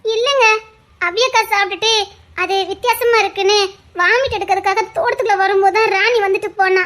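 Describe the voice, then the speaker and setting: A woman's voice: very high-pitched, fairly even intonation, quick pace, a bit bright. A woman acting a frightened young wife who pleads tearfully with her husband in a family drama. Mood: scared, tearful.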